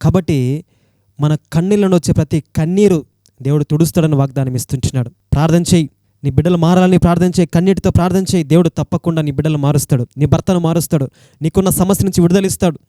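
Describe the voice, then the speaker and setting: A man's voice: fairly high pitch, fast, mellow, no echo, clean studio sound. A male preacher with a Telugu accent, delivering an earnest sermon and pleading with his listeners through repeated rhetorical questions.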